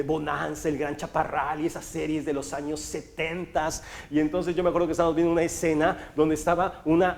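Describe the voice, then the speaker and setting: A man giving a motivational talk as a coach, telling stories and asking rhetorical questions. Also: fairly high pitch. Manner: storytelling, rhetorical questions, animated sound effects.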